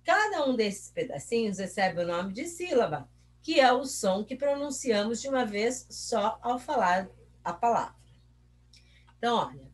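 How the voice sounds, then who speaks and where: A woman teacher takes young pupils through a review lesson, patient and encouraging, and asks the class questions. Her fairly high voice swoops lively up and down with a breathy edge, and she stretches example words out slowly, syllable by syllable.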